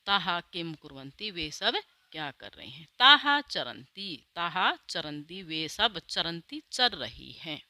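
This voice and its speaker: Woman teacher, unhurried word-by-word explanation, bright tone. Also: sits low, expressive, dry recording. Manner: slow, deliberate word-by-word reading with translations. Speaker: Sanskrit teacher. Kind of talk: classroom lesson explanation.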